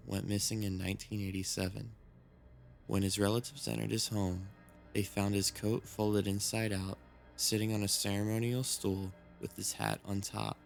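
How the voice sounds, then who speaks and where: A man with a low voice narrates creepy true-crime mysteries from a script. His tone has a creaky, gravelly edge, and he tells it in a solemn, measured way. Soft music plays behind him. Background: background music.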